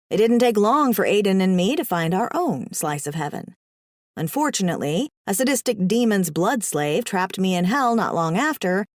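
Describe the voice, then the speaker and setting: A woman's voice: mid-range voice, no echo, clean studio sound. A woman narrating a first-person audiobook in a sassy, wry storytelling manner.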